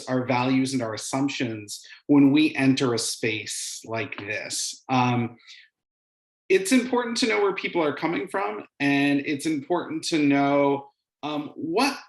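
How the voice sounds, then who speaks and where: A roomy, echoing recording of a middle-aged man with a medium-pitched voice. He presents informally as a coach, feeling his way through phrases with frequent hesitant pauses. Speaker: instructional coach and webinar presenter.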